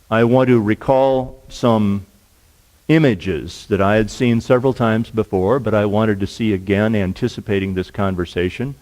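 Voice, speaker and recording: A middle-aged lawyer from Nebraska gives a measured, earnest public lecture at a university, his voice on the low side and sinking to a hush at the end of each point. The recording is low quality.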